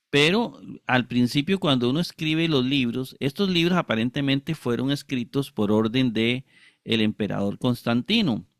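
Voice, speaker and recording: A man with a mid-range, fairly bright voice teaches Greek Bible exegesis, reading from ancient manuscripts in a clean studio with no room sound. He speaks slowly and deliberately, spelling out Greek words syllable by syllable. He often asks for agreement with tag questions and clears his throat frequently.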